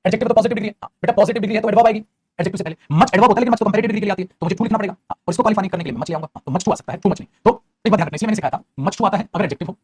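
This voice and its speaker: A man teaching English grammar in a fast classroom style, repeating phrases and calling students "beta". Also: high-pitched, slightly rough.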